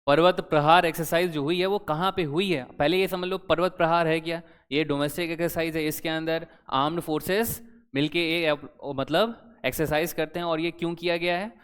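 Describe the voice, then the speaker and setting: A young man with a fairly high, clean-toned voice and fairly even intonation speaks briskly in an exam-prep lecture on current affairs. Chatty, he keeps quizzing his students with questions, and the recording has a long hall reverb.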